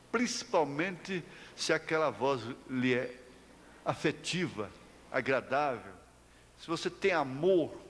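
An older Brazilian man preaching a sermon in a church hall, slow and deliberate, rising to impassioned exclamations. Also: fairly high pitch, a bit bright. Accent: Brazilian Portuguese. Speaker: pastor. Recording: reverberant church hall recording with faint noise.

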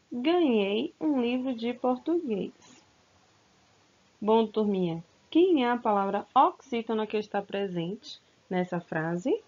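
Woman teacher, children's grammar lesson, slow and drawn-out, higher voice, slightly dull lo-fi sound. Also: darkish tone. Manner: slow, stretched-out words, coaxing pupils with questions. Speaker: school teacher.

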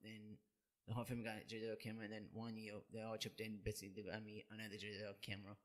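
A young man in his twenties answering interview questions in a halting, hesitant way, often restarting his sentences. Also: lowish voice, monotone, a bit bright. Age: 20s. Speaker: guest, job seeker.

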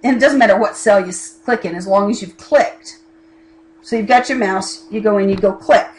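A middle-aged college instructor teaches a recorded class lesson by video from her home desk with a keyboard and lamp, picked up by a camera above it. She's chatty and plain-spoken, full of asides, with a mid-range voice at a moderate pace. The recording is rough, with slight background noise.

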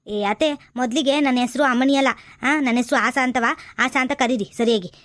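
A woman's voice: sits high, moderate pace, no echo, clean studio sound, lightly acted. A woman playing a spoiled young daughter-in-law from the city who complains and talks back, in a comedy skit. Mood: complaining.

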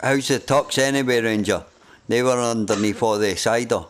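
Man shouting team callouts. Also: medium pitch, normal speed. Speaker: gaming streamer. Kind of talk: live gameplay team chat.

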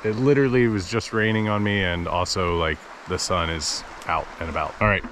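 Excitable man fly fishing a river. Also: low voice, a little fast, noisy background. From United States. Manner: excitable, exclaims at every strike, talks to the fish. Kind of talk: casual self-filmed commentary. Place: outdoors on a forest river. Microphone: action camera worn on the body.

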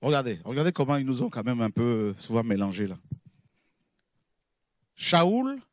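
A man preaching in French, a pastor teaching who repeats key words and swings from loud exclamations to low murmurs. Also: fast talker, no echo, clean studio sound. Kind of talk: sermon teaching.

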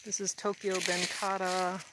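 A woman walking through her garden, recording on a phone and pointing out the plants in an unhurried way. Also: fairly low pitch, little pitch movement, background noise. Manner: unhurried, pointing things out as she walks. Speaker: gardener giving a tour. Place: outdoor garden. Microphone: handheld phone, speaker behind camera. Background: crickets and outdoor ambience.

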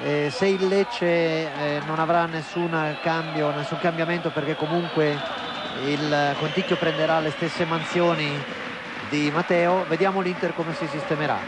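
A male football pundit analyses the match live in a fairly high voice. He explains in measured, complete sentences, with loud outdoor stadium noise all over the broadcast. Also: fairly even intonation, a loud crowd. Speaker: football co-commentator, former coach.

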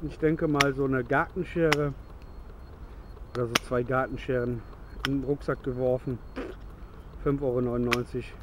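A man's voice: medium pitch, fairly even intonation, moderate pace, pauses often, heavy background noise. A man in his thirties casually demonstrating gear outdoors in the woods at dusk, chatty and rambling, correcting himself as he goes, recorded close on a handheld camera. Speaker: bushcraft vlogger.

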